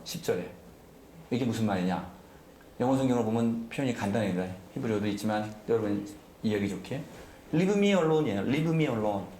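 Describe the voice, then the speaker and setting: A man's voice: lowish voice, a little mellow, reverberant, a little hiss or hum. A man preaching a sermon as pastor, emphatic and often asking the congregation questions. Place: church sanctuary.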